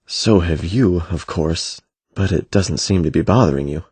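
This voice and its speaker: A man voicing a gentle, thoughtful young prince in an audiobook, soft-spoken and reflective. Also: sits low, normal speed, slightly rough, no room sound. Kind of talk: audiobook character voice.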